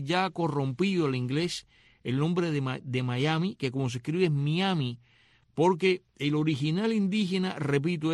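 A middle-aged Cuban man with a Cuban accent, hosting a casual, digressive talk and spelling words out slowly. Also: a little high, no echo, clean studio sound. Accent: Cuban Spanish. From Cuba. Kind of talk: casual explanatory monologue.

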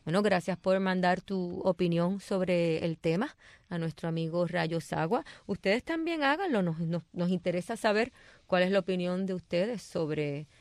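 A woman's voice: lowish voice, normal speed, darkish tone, dry recording. A woman co-hosting a talk show who murmurs agreement, reads a listener's message, and signs off. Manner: attentive, frequent agreeing murmurs. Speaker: co-host. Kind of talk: casual radio chat.

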